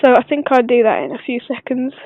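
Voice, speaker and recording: A woman who is unwell gives a casual gameplay tutorial voice-over, speaking quietly but clearly in a hesitant, rambling way. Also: fairly high pitch, sing-song, quick pace, no room sound. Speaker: gaming video maker. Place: voice-over recorded at a computer. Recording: dull lo-fi computer recording, dry.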